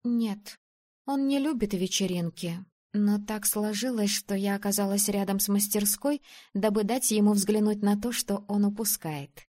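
Woman doing a sassy bossy young gal in a storybook, teasing and sharp-tongued. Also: mid-range voice, normal speed, lightly acted. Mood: sulky. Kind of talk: audiobook character voice.

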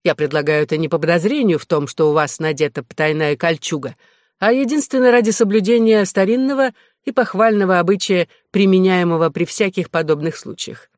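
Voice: medium pitch, a little fast, dry recording, studio quality, close to an everyday voice. A reader voicing an affected, pompous English knight who talks in florid, mannered phrases. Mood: courtly. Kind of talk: audiobook reading.

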